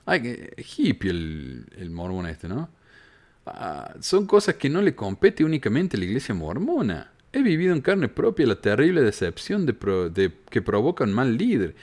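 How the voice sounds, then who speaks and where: A man's voice: lowish voice, a little mellow. Sarcastic man with a Córdoba accent. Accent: Argentine, from Córdoba. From Argentina. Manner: sarcastic, reads quoted messages with mocking emphasis. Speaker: podcast host. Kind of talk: casual podcast monologue, reading listener messages. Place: home in Utah.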